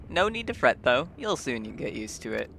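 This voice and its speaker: A man voicing a talkative old male ship merchant, gruff and rambling. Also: medium pitch, big pitch swings, moderate pace, fairly bright tone, slight background noise. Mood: chatty. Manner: gruff and rambling, drops dialect words.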